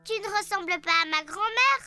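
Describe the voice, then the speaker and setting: Very high-pitched, bossy little girl pig. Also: lively intonation, fairly quick, over music. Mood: playful, reciting. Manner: exclamatory, boastful, childlike. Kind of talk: children's cartoon dialogue, French dub.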